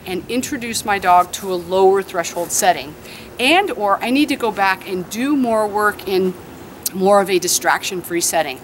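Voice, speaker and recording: A woman dog trainer explaining her training methods step by step, outdoors on grass. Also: medium pitch. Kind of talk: instructional explanation. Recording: outdoor background noise.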